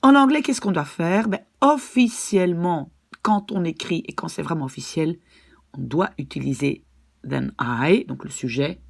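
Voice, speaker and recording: A woman's voice: deep voice, a little slow, gravelly. A woman language teacher patiently explaining grammar rules and often checking that her students follow.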